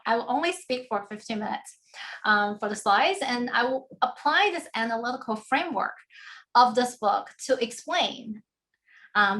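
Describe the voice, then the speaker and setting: A woman law professor giving a book talk with slides, explaining in a measured way and often checking in with "right?". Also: fairly high pitch, fairly bright tone. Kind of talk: academic lecture with slides.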